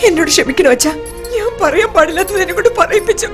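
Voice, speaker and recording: A woman's voice: extremely high pitch, animated, racing, over music. A middle-aged woman dubbing the role of a proud wife and mother who reproaches her husband indignantly. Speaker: commissioner's wife. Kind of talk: dubbed film acting.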